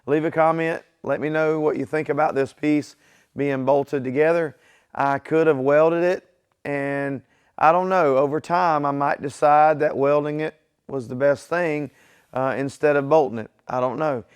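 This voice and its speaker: Casual workshop vlog talk comes from a man in his home garage, hosting his own channel with a smooth voice on the high side. Illness has left it weak, and he speaks at a measured pace with fairly even intonation, plainly and easygoing.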